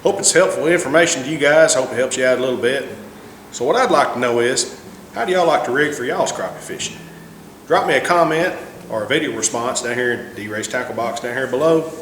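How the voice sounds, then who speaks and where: A man's voice: medium pitch, a little fast, fairly bright tone, slight background noise, rough recording. A man with an Arkansas Southern accent giving a casual, folksy, plain-spoken how-to demonstration as host of a fishing vlog. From Arkansas, United States.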